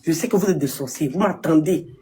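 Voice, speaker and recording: A woman on a phone live stream, scolding her critics with indignant rhetorical questions and sudden high exclamations. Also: lively intonation, fairly quick, warm tone, a little hiss or hum. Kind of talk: social media livestream rant.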